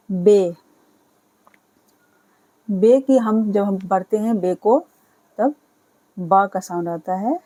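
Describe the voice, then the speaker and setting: A woman gives a slow beginner alphabet lesson, naming each letter and then repeating the sound it makes. Her voice is mellow and warm, and she takes her time over every word. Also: medium pitch, poor audio. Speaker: Urdu teacher.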